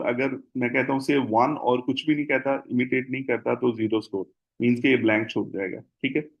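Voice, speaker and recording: A man's voice: medium pitch, creaky, dull audio. A man teaching a training session, explaining assessment scoring step by step and hesitating with frequent fillers. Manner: explanatory, mixes Hindi and English terms, frequent fillers. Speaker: ABA therapy trainer.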